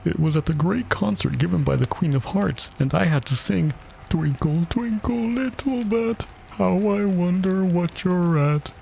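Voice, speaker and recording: Man as the Hatter, haughty and high-pitched. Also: fairly quick, vocal fry, hardly any pauses, darkish tone, slight background noise, low-quality recording. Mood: reminiscing. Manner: haughty, pedantic, plaintive. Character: contemptuous, mournful, eccentric male hatter.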